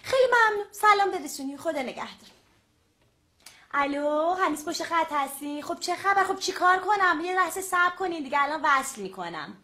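A very high-voiced woman plays a radio presenter in a comic phone sketch. She keeps things polite and chatty and is forever apologizing to whoever picks up. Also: expressive, bright, forceful tone.

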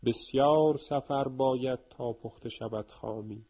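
A man voicing a male house peacock who is eager, envious and sharp-tongued, scolding in a raised voice. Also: medium pitch, husky, close to an everyday voice, rough recording.

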